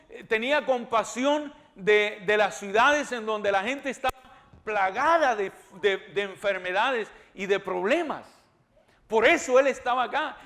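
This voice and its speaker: A male pastor preaching a sermon, emphatic and repeating his words, now and then rising to loud cries. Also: very high-pitched. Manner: repeats words and restarts often. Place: church.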